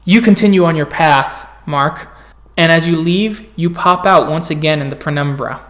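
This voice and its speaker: A man's voice: a little high, moderate pace, a bit bright. A man narrating a tabletop role-playing game as its game master and host.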